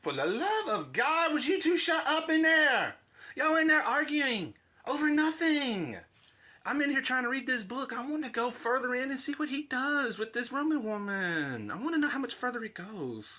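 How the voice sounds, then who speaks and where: A man voicing an exasperated romance reader who loudly scolds in a comic skit of arguing with himself. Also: extremely high pitch, very animated, moderate pace, pitched above the performer's own voice, heavily acted. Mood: exasperated scolding. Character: exasperated shouting romance-novel reader, fed up with bickering.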